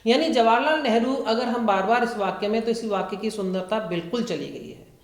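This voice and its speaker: A woman's voice: fairly high pitch, a little fast, echoey room. A woman schoolteacher, patiently explaining grammar to young children and asking them questions. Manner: patient, repeats points and asks the class questions.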